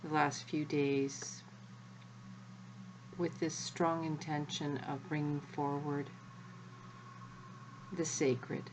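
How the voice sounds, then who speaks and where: A woman leading a guided spiritual energy activation as the guide, speaking in a measured way with long pauses between short phrases. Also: low-pitched, level tone, background noise.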